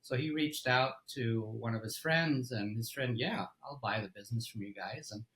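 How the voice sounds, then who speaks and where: A middle-aged man from Egypt, a company CEO, telling his story as an interview guest in a relaxed way, with fillers and restarts. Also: mid-range voice, moderate pace, a little hiss or hum, poor audio.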